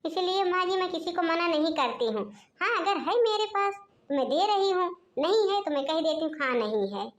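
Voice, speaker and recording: A woman's voice: very high-pitched, moderate pace, dull audio. A woman voicing a chatty, reasonable elder daughter-in-law in a cartoon, explaining things in a friendly, talkative way. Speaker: cartoon narrator and voice actor. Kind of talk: cartoon voice acting.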